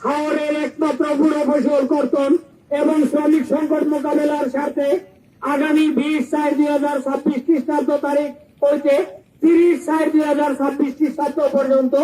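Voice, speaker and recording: A man reads a formal official notice through a loudspeaker outdoors, calling out loudly. His amplified voice sits very high yet dark and mellow, with little rise and fall. It reaches the mic from a distance, echoing around the open air with faint noise behind. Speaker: public announcer for local administration. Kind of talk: formal public announcement read aloud.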